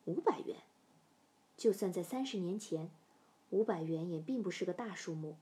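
A middle-aged woman telling a first-person story, sinking to hushed whispers in tense parts. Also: on the low side, expressive, normal speed. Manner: dropping to hushed whispers in suspense.

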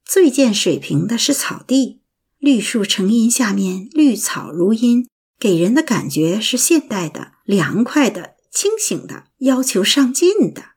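A woman narrating a prose essay in a lilting, expressive reading voice. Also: a little high, a little slow. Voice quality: husky.

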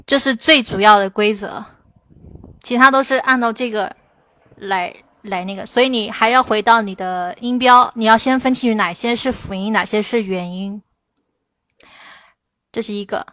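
A woman's voice: mid-range voice, bright, forceful tone, no room sound. Woman teaching English on a livestream. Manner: explains with slow, stressed English examples. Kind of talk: livestream Q&A lesson.

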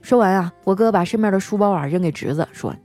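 A woman's voice: mid-range voice, fast, dark tone, faint music behind. A woman host telling comic family stories in a chatty, teasing way, laughing often. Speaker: radio-style host. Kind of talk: comic storytelling monologue.

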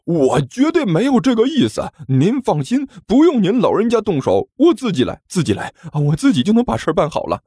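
A man's voice: high voice, wildly swooping pitch, brisk, few pauses, mellow, slightly rough, dry recording, clean studio sound, pitched above the performer's own voice, heavily acted. A man voicing a cowardly, fawning male thug who stammers and grovels. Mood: groveling.

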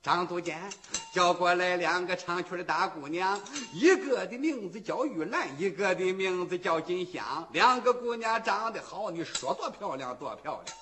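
A man chants a traditional story in rhythmic verse and slips in and out of character voices. His voice sits high and rings bright and forceful. A faint hiss of noise runs underneath. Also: expressive, moderate pace, hardly any pauses. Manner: switches between narrator and character voices. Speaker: Shandong kuaishu storyteller.

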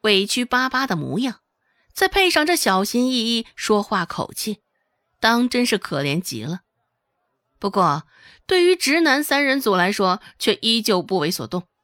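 Lively woman narrating an audiobook. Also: on the high side, normal speed, dry recording, clean studio sound. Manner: expressive, lively storytelling. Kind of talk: serialized novel narration.

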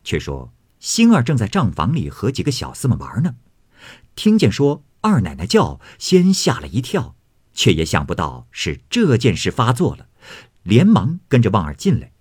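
A man reading a classic novel aloud as an expressive storyteller. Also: on the low side, moderate pace, breathy edge, dry recording, clean studio sound.

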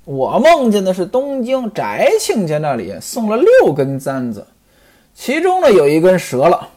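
Brief: a grieving rich man, heartbroken and self-pitying, crying out in a lively, rising and falling voice, a storyteller doing the part. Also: mid-range voice, normal speed.

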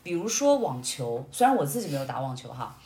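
A woman with a very deep, dark voice speaks briskly and with great animation as a podcast guest. She talks expansively and reflectively in a conversational interview, using anecdotes to illustrate her points. The recording sounds roomy and echoey.

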